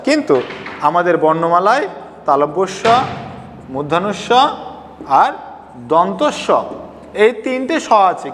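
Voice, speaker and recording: A man's voice: on the high side, in a large hall, a little hiss or hum. A male teacher giving a class lecture, explaining step by step and asking rhetorical questions.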